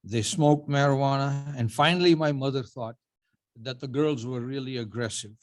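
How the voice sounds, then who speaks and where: A Ugandan man in his seventies, an award honoree, delivers a prepared acceptance speech in a mid-range voice. He recounts his story at a measured pace, seasoning it with dry, self-deprecating humor.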